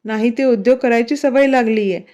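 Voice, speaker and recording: A woman voicing a protective, playful young husband in a storybook romance, reassuring and teasing in a mellow voice. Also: fairly high pitch, a little fast, lightly acted. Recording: dull, lo-fi recording.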